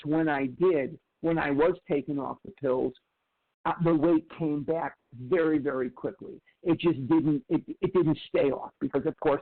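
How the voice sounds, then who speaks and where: Man in his sixties, fairly high voice, emphatic candid storytelling, narrow tinny phone-like sound. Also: gravelly. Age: 60s. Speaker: recovery speaker. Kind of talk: personal recovery share.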